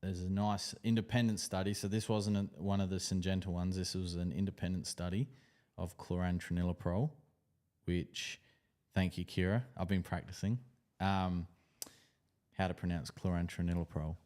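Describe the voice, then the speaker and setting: Man, Australian accent, deep voice, casual, explanatory, expert co-host. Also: little pitch movement, normal speed, a little mellow. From South Australia. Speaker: lawn care expert co-host.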